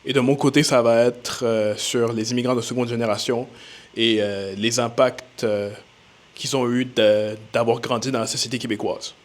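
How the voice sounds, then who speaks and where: A young male student asks his questions with upbeat eagerness. His voice sits at a middling pitch and he moves between casual street chat and read commentary. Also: fairly even intonation, normal speed. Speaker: student interviewer.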